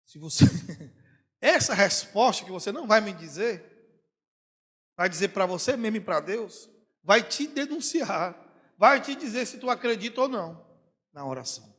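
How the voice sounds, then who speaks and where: A man preaching a sermon as a pastor, animated, acting out prayers and talk in comic voices. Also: high-pitched, moderate pace, long pauses, breathy edge. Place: church hall. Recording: long church hall reverb.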